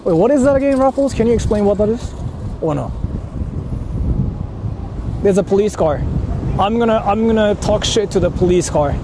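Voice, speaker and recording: A man with a high, expressive voice speaks at a moderate pace with long pauses while livestreaming out on busy city streets. He chats casually and swears in slang, with traffic, cars, and urban street noise all around.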